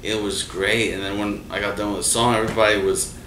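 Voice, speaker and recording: A man's voice: lowish voice, fast talker. A man hosting, telling his own stories in a casual, rambling way with many fillers and restarts. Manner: rambling, full of fillers and restarts, animated when quoting people. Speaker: host. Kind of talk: casual storytelling monologue. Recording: echoey room from far off, faint noise.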